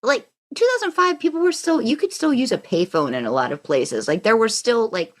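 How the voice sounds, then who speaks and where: A woman co-hosts a podcast of casual fan chat, speaking in a reflective, rambling style that loops back mid-thought. Her slightly high voice moves briskly with big pitch swings.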